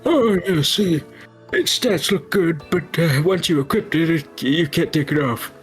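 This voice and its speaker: A woman playing a slow, rambling old man. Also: low-pitched, expressive, soft background music. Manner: slow, meandering storyteller. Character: rambling forgetful old man, elderly sage. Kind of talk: reading a game's dialogue aloud in character.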